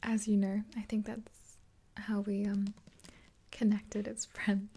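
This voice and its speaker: A woman in her twenties, an ASMR video creator, whispers close to the mic while facing the camera in a small indoor room with a dark backdrop. Playing a makeup artist friend in a one-sided roleplay, she uses a breathy, mellow, medium-pitched whisper that stays even and unhurried, with small hesitations.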